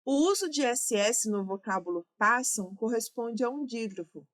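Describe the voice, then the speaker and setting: A fairly high-pitched, slightly bright woman's voice, animated and at normal speed, delivers an exam-prep grammar lesson in a Brazilian Portuguese accent. She proceeds step by step, catching and fixing her own errors.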